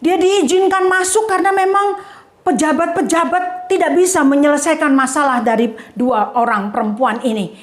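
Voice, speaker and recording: A woman Sunday school teacher telling a Bible story to children in a lively, playful way, often addressing them directly. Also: high voice, moderate pace. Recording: echoey room.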